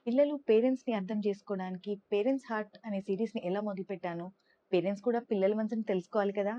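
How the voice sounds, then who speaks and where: A woman telling a storybook tale for families in a gentle manner, speaking directly to the listeners. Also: medium pitch, racing. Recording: dull lo-fi recording.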